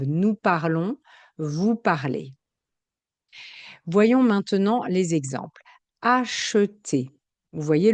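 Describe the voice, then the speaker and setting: A woman teaching a grammar lesson, explaining spelling and sounds slowly and carefully, repeating each example. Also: lowish voice, a little mellow, no echo. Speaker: French teacher.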